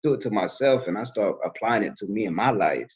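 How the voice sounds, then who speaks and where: A man's voice: lowish voice, animated, fairly quick, dull audio, a crowd in the background. A man talking in a loose, reflective way on a podcast, full of fillers. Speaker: podcast host. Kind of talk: casual conversation.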